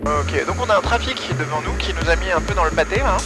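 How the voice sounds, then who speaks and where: A man's voice: on the high side, quick pace, loud music behind the voice. A man piloting, talking through cockpit procedures and radio calls on an aircraft headset.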